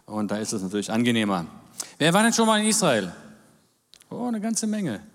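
A man's voice: medium pitch, huge pitch swings, brisk, a bit bright. A man in his forties, born in Germany, giving a church talk as a guest speaker in a jovial manner with jokes and amens. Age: 40s. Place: large church hall. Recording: reverberant church hall.

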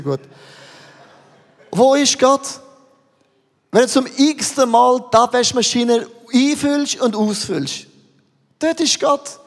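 A man's voice: very high voice, big-room sound. A man with a Swiss German accent preaching a sermon to a congregation, asking many rhetorical questions. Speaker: pastor.

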